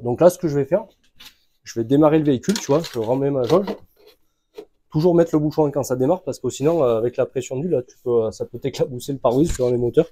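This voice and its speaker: A man casually talking the viewer through a van oil change, relaxed and informal, with frequent filler sounds. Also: medium pitch, fast talker, slight background noise. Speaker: mechanic hosting a tutorial channel. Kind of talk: casual how-to instruction.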